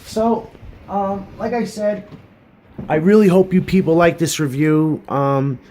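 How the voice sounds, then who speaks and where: A man's voice: high-pitched, steady tone, measured pace, darkish tone, slight background noise. Man, casual hobby review, chatty, earnest, rambling, lots of fillers. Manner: rambling, many fillers and restarts.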